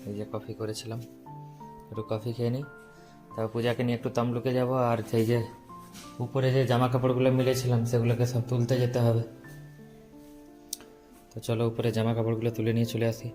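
A man's voice: medium pitch, monotone, a little fast, pauses often, darkish tone, faint music behind. A man, narrating his household chores in a chatty home vlog. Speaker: family vlogger. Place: home and rooftop.

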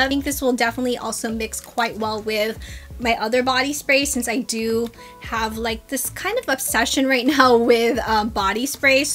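A young woman vlogger chats casually about beauty products from her haul, upbeat and gushing. Her voice is a little high and a bit bright, recorded at her desk in a home filming room with a vanity.

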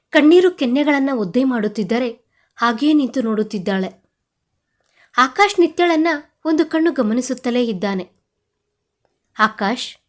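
Woman, storyteller, romantic audio story, expressive, higher voice.

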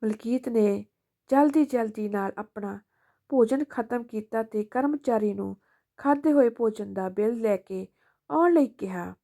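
A woman narrating an emotional family story in a calm, steady way. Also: on the high side, unhurried, gravelly.

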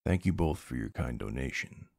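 Very deep-voiced, flustered young streamer boyfriend played by a man. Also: lively intonation, moderate pace, vocal fry, darkish tone, dry recording, clean studio sound, full character voice. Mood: teasing, casual. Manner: teasing, easily flustered, affectionate. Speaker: roleplay voice actor. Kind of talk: boyfriend role-play, casual livestream chat.

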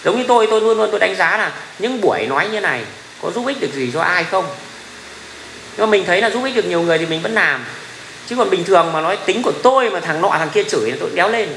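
A man's voice: sits high, animated, fast, creaky, fairly bright tone. A middle-aged man, talking in a casual, rambling livestream, blunt and profane, laughing often. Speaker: livestream host. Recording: echoey room with faint ambient noise.

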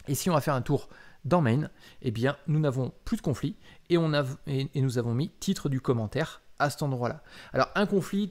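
A man's voice: mid-range voice, a little mellow. A man walks the viewer through a coding task on screen in a loose, conversational way. He hesitates often and keeps checking that the viewer is following. His tone stays informal throughout. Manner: casual, informal, many "euh" fillers and "d'accord?" check-ins. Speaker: coding instructor. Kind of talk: screen-recorded coding tutorial.

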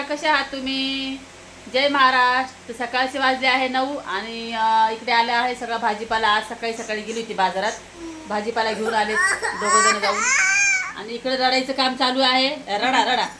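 A young woman from Maharashtra, a mother talking in a casual family vlog, animated, often repeating words in quick calls. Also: high voice, background noise. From Maharashtra, India. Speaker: vlogger and mother.

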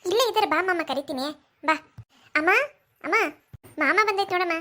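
A woman voicing a gentle young village daughter in a cartoon. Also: very high voice, brisk, pitched above the performer's own voice. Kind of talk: cartoon voice acting.

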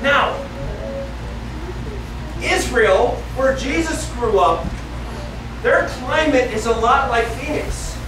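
Middle-aged man, children's Bible teacher, from the US Northeast, slow unhurried delivery, very echoey classroom, far from the mic. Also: very high voice. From northeastern United States. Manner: storytelling, asks the children questions, gestures and moves around. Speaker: children's Sunday school teacher. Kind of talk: Bible lesson for kids. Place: church classroom, indoors. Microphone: far camera. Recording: echoey room from far off with noisy background.

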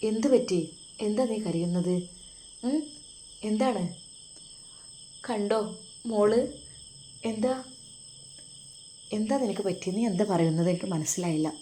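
Father figure read by a woman storyteller: middle-aged, gentle, reassuring, mellow tone. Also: medium pitch, measured pace, pauses often, slight background noise, close to an everyday voice. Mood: concerned. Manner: soothing, reassuring.

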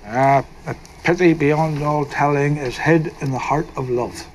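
A man playing a gentle Northern Irish grandfather. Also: a little high, fairly even intonation, a little slow, a little hiss or hum, lightly acted, low-quality recording. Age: older. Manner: soft-spoken, wry, tender. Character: gentle wise teasing old grandfather. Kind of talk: film drama acting.

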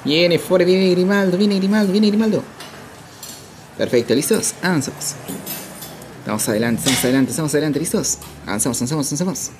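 A man's voice: on the high side, expressive, brisk, background noise. A man streaming a football game live, calling plays like a sports caster and repeating phrases in chant-like bursts. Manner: playful hype shouts.

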